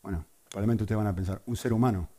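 A man preaching a sermon to a congregation, swinging between loud emphasis and hushed asides. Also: lowish voice, rapid-fire.

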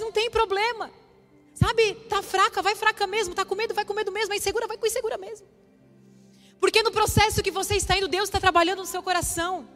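A woman preaching a sermon, sharing a personal testimony with emotional, emphatic repetition. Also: extremely high pitch. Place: church hall. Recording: reverberant hall with soft music.

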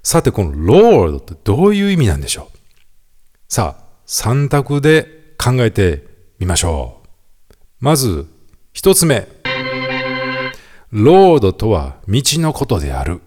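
A man with a Kansai accent giving a lively, quiz-style lesson on the English words heard in gospel songs. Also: fairly low pitch, measured pace, long pauses. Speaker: teacher.

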